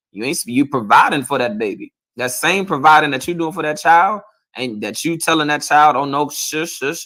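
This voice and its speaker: A man preaching in a plain, colloquial way, circling back on his points. He keeps checking in with "you understand?" and sometimes pushes up into loud, emphatic bursts. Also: mid-range voice. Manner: repetitive, asks "you understand?" often; colloquial, preachy, rising to shouts. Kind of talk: street sermon.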